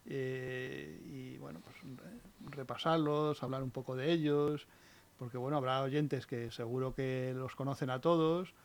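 Appearing as a guest on a radio show, a municipal archivist from La Guardia in Toledo, Spain, talks informally about local history in a Castilian accent. His voice is mid-range and his pace measured, and he tends to repeat phrases as he goes.

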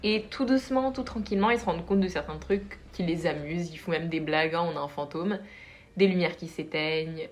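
A woman's voice: fairly low pitch, brisk. Young woman telling a spooky story. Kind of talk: casual storytelling among friends.

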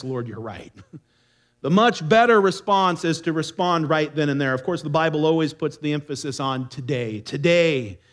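A man teaching a midweek Bible study in an earnest way, repeating phrases for emphasis. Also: a little high.

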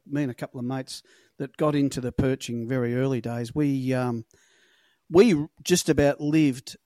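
A man's voice: medium pitch, a little mellow, dry recording. An Australian man with a laconic, colloquial way of telling rambling stories in a casual podcast chat, swearing freely. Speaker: podcast guest, lure fisherman.

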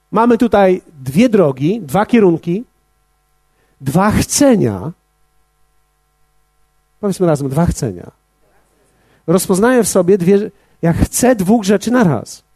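Male pastor, sermon, high voice, mellow tone, dry close sound. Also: slightly rough, no echo. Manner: measured, addresses the congregation directly.

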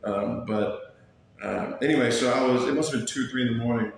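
A man's voice: medium pitch, a little fast, creaky. A man chatting casually as an interview guest in a small room, rambling along in laid-back slang. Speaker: interview guest, bar and band member. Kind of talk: casual chat. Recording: very echoey small room, faint noise.

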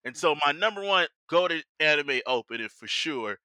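A man's voice: a little high, animated, normal speed, pushed and bright, no echo. An American man hosting a podcast in casual, slangy chat, with hype-man flourishes when he announces things. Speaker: podcast host.

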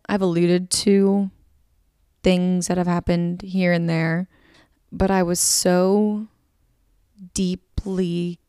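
A young woman hosting a podcast, talking candidly and emotionally about her personal struggles, often halting and restarting. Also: on the low side, creaky, a little mellow, no room sound, studio quality. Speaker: podcast host. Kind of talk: personal confessional monologue.

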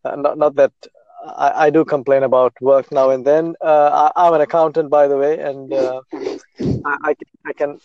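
A dull, dry lo-fi recording of a man from Australia with a fairly high voice. He chats casually and agreeably, restarting sentences and repeating himself. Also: flat delivery, moderate pace, no room sound. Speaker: accountant, podcast guest. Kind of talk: casual chat. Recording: dull lo-fi sound.

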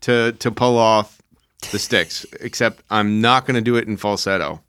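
A middle-aged man co-hosting a casual faith podcast discussion, playful and quick to laugh at himself. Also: on the low side, fairly even intonation, a bit bright, smooth. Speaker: podcast co-host.

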